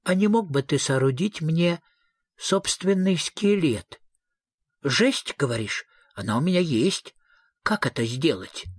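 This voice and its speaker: A man voicing a gloomy, theatrical ghost with a wailing, drawn-out delivery in an audiobook reading. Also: a little high, lively intonation, husky, no echo, clean studio sound. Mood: excited.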